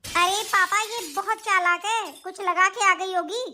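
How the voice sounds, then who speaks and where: A woman's voice: extremely high pitch, fairly even intonation, measured pace, bright, forceful tone, slight background noise, heavily acted. A woman voicing a spiteful, scheming young woman in a cartoon, sneering and bossy. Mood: scornful. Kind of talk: cartoon voice acting.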